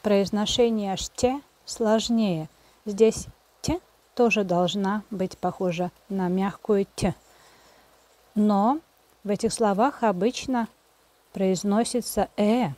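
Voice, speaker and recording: A woman's voice: medium pitch, slow, dark tone, slight background noise. A woman language teacher giving a pronunciation lesson, carefully spelling out each sound and example word.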